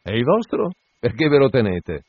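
A man's voice: medium pitch, sing-song, moderate pace, breathy edge, no echo. A man voicing a sullen, irritable foreign ship's mate who answers curtly. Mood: grumpy. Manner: curt, sullen replies. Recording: dull lo-fi dry recording.

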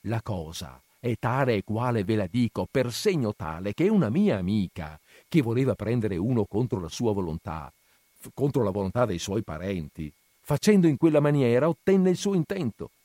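A man's voice: on the low side, big pitch swings, dark tone, no echo. A man reading aloud and voicing a shrewd, talkative middle-aged peasant mother who argues insistently and takes offence easily. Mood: persuading. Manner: insistent, persuasive, quick to take offence.

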